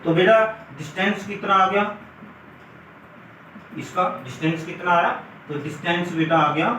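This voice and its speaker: A physics lecturer teaches a classroom lesson at a board, walking his students through step by step, mixing in English terms and calling them "beta". His high-pitched voice is pushed and bright at a normal speed. The recording comes from far off in an echoey room with faint noise.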